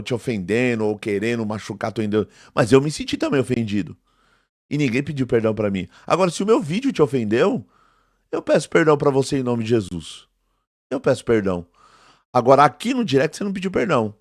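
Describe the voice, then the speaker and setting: A man's voice: medium pitch, no room sound, clean studio sound. A man in his forties, a theology teacher, answering a critic directly to camera in an emphatic, indignant way and repeating his points. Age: 40s. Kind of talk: direct-to-camera response video.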